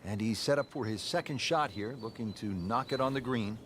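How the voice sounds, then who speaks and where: A man giving golf commentary as the play-by-play announcer, in measured, declarative calls with short phrases. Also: mid-range voice, close to an everyday voice. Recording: noisy, with crowd behind.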